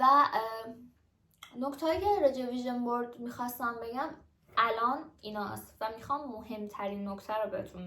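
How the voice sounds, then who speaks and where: A woman's voice: fairly high pitch, fairly bright tone. A young adult woman talking casually and directly to her viewers in a chatty explainer vlog. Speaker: vlogger. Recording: echoey room.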